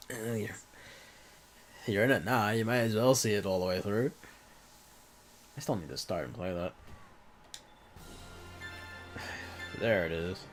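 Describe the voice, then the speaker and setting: Guy with a cough rambling over a game, kinda deep voice, swears casually, quiet music behind. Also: slow pace, long pauses. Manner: rambling, swears offhandedly, muttered asides. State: coughing, irritated throat. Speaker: gaming video host. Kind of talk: casual let's-play commentary.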